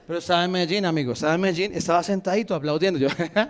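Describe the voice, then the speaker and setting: Animated Bogotá comedian, high voice. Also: male voice, racing, heavy background noise. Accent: Bogotá Colombian Spanish. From Bogotá, Colombia. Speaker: stand-up comedian. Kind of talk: stand-up routine. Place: comedy bar stage with live audience. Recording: live crowd laughter behind.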